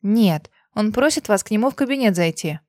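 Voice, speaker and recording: A coy, catty young nurse who purrs at men and hisses at rivals, put on by the woman narrator. It is a mid-pitched voice, recorded close and dry. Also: expressive, brisk, darkish tone, no echo, natural voice. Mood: prim. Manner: coy, hissing.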